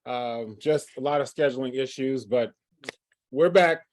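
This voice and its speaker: A man running a livestreamed tabletop game as game master, halting and full of fillers and restarts. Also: medium pitch.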